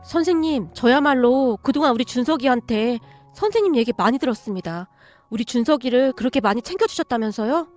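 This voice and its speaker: A woman's voice: on the high side, animated, fairly quick, darkish tone, faint music behind, natural voice. A woman reading a radio story, voicing a humble, earnest widowed mother who speaks politely. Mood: grateful.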